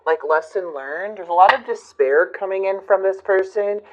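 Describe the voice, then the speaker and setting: A woman reading tarot cards for her channel, talking reflectively with many fillers and pauses. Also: mid-range voice, dull audio. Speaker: tarot reader.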